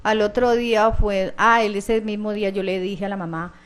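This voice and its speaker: A woman's voice: mid-range voice, steady tone, moderate pace, smooth. A woman giving courtroom testimony as a witness, hesitant with many fillers and retelling scenes through quoted dialogue.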